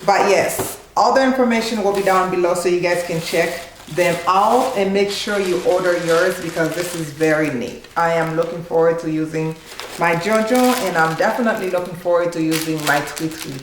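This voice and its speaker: Her voice is lowish and her pace normal as she hosts a relaxed unboxing vlog, delighted and informal. She's in her thirties, of Haitian background, and runs a cooking channel, recording indoors in a small living room. Echo and clear background noise are present.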